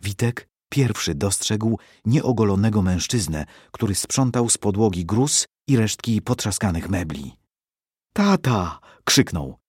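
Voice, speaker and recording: Deep-voiced, husky male storyteller. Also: no room sound, clean studio sound. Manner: measured, expressive storytelling. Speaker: narrator. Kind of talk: scripted storybook narration.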